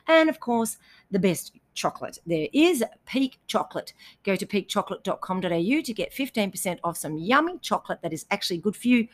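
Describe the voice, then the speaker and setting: An Australian woman hosting a podcast, chatting casually and upbeat, with easy laughs and plenty of fillers, in a cabin. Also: medium pitch. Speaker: podcast host and running coach. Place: indoors in a cabin.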